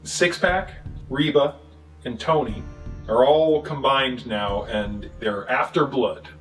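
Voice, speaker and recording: A man casually recapping a movie plot, swearing and joking, with quick voices for the characters. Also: medium pitch, fairly bright tone, distant mic, faint music behind, rough recording. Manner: profane, jokey retelling with quick voices for characters. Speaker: podcast co-host.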